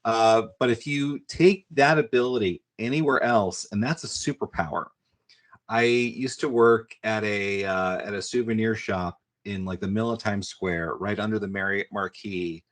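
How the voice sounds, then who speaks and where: A man's voice: lowish voice, moderate pace. A man, a guest illustrator telling chatty anecdotes in a podcast interview. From New York. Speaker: guest comic book illustrator. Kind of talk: casual storytelling in a podcast interview.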